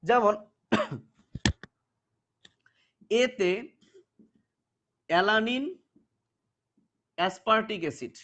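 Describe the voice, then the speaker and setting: A man's voice: sits high, lively intonation, extremely slow, long pauses, a bit bright, dull audio. A male biology teacher giving a classroom lecture, repeating terms again and again for students to chant back and addressing them directly.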